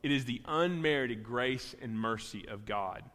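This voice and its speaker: A man of middle pitch preaches with earnest conviction, now and then slipping into the voices of biblical figures. His words ring out with a long reverb, as if from a large hall. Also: unhurried, a bit bright. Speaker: pastor. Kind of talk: sermon.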